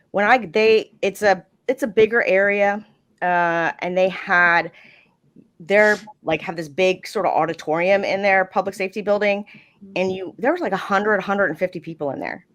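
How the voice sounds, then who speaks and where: A woman's voice: on the low side, fairly bright tone. A woman dispatcher telling a story in casual podcast chat, chatty and full of "like"s. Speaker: 911 dispatcher and podcast guest.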